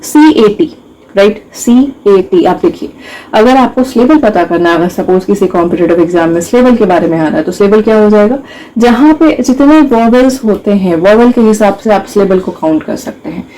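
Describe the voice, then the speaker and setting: A woman's voice: mid-range voice, animated, brisk, mellow, rough recording. A young woman teaching an English grammar lesson, mixing Hindi and English, explaining step by step and asking her students rhetorical questions.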